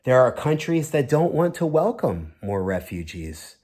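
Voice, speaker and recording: A male teacher reads a storybook aloud to young children, medium-pitched and unhurried. He is expressive and talks straight to them, asking simple questions.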